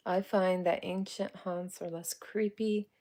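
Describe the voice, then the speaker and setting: This woman in her forties, a psychic medium and paranormal live streamer, speaks a little slowly in a lowish, mellow voice with fairly even intonation. She answers viewer comments in casual livestream chat, laughing often, greeting people by name and using colloquial grammar.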